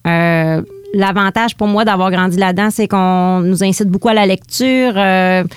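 A woman in her forties from Quebec with a Quebec French accent, a comedian speaking in a relaxed, frank interview. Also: medium pitch, normal speed, clear, resonant tone. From Quebec (Lac-Saint-Jean). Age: 40s. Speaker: comedian guest. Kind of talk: casual interview.

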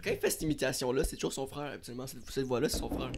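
A man's voice: medium pitch, very fast, gravelly, crowd noise. A young man with a Québécois accent, co-hosting a casual podcast and laying out a contest. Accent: Québécois French. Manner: organizing, explains rules, casual swearing. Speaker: podcast co-host. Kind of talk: casual chat among friends.

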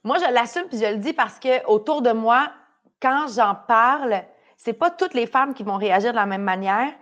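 A woman's voice: fairly high pitch, normal speed, highs cut off. A woman with a Québécois French accent, pregnant and speaking candidly in a casual podcast chat. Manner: candid, animated storytelling. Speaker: radio host.

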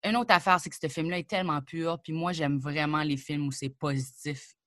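Appearing as a guest in a laid-back interview, this comedian and rapper, a young Acadian woman from New Brunswick, Canada, speaks in a low-pitched yet bright, forward voice with an Acadian French accent. She keeps jumping into quick asides, and the audio is close and dry, nearly free of room echo.

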